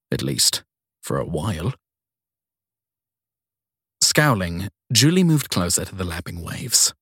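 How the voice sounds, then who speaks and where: Narrating a crime fiction audiobook, this man has a husky, fairly deep voice. The sound is up close and dry, a bit bright, with no room ambience or echo.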